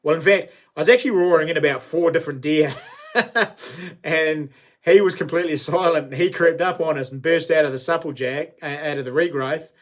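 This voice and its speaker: A man in his late forties speaks in a fairly high-set voice with a broad Kiwi accent. He hosts a casual livestream, talking to viewers in a relaxed, slangy, blokey manner. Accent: broad New Zealand. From New Zealand. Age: late 40s. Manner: laid-back, blokey, slangy. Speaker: live stream host. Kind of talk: casual livestream chat, reading and answering comments.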